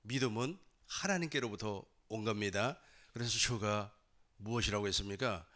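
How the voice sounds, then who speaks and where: Bright-voiced emphatic male pastor. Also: fairly low pitch, normal speed. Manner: emphatic, acts out loud pleading cries. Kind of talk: sermon. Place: church sanctuary.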